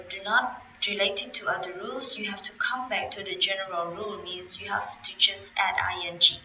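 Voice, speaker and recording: A woman's voice: medium pitch, pushed and bright, slight background noise, low-quality recording. A young woman with a Khmer accent teaching an English grammar lesson, patiently spelling out letters and explaining rules step by step. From Cambodia.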